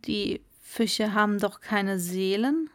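A woman's voice: takes it slowly, natural voice. A woman doing a meek, polite fisherman. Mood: wary. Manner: soft, lowered, deferential.

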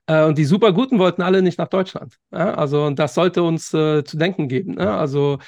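A man's voice: fairly high pitch, brisk, creaky, a little mellow, dry recording. Hesitant Cologne man, dry sound. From Germany. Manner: hesitant, many fillers. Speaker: podcast host. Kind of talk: podcast interview.

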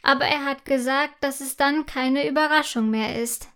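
A woman voicing an excited, eager little girl in a children's story. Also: high-pitched, normal speed. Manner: eager, bubbly.

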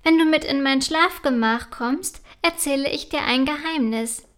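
A woman voicing a curious, kind little princess girl in a storybook, speaking gently and slowly. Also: high voice. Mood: gentle.

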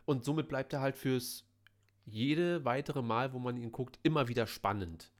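A man's voice: medium pitch, normal speed. Guy cohosting a movie podcast, chill, kinda dry teasing tone. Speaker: podcast co-host. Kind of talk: casual chat.

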